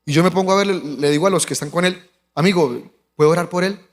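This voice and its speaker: A man's voice: fairly high pitch, fast. A male pastor with a Colombian accent, telling a personal story in a sermon, acting out the voices of the people in it. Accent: Colombian Spanish. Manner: animated storytelling, acts out quoted voices. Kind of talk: sermon testimony. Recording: long hall reverb.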